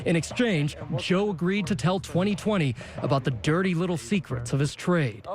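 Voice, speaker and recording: A man's voice: fairly high pitch, moderate pace. A man narrating a scripted investigative report as a TV news reporter.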